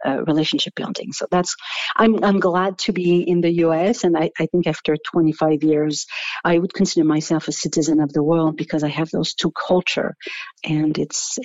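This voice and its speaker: A woman's voice: low voice, a little mellow, no room sound, highs cut off. A middle-aged woman from France with a French accent, answering interview questions in a thoughtful, rambling way with restarts. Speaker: guest, business founder.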